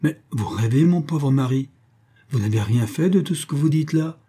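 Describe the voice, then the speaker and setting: A man's voice: mid-range voice, animated, moderate pace, mellow, husky, voice pushed up. A man reading the part of a proud young wife who mocks her husband with haughty indignation. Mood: indignant, haughty. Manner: haughty and mocking.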